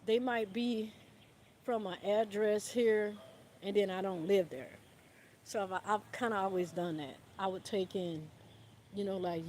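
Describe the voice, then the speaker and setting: A woman's voice: mid-range voice, a little mellow. A woman talking casually on a livestream outdoors in the wind, rambling and repeating "you know what I'm saying" while calling listeners "baby". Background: light wind.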